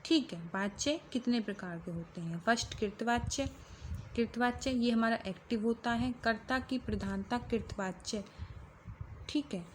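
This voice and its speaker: A woman's voice: a little high, slight background noise. A woman teaching a grammar lesson to exam students, explaining step by step and repeating key phrases to check along.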